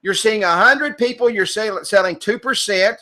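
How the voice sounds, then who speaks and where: A man giving a webinar sales training, energetic and repetitive, often asking "okay?" and posing rhetorical questions. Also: sits high, normal speed. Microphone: computer mic in a webinar.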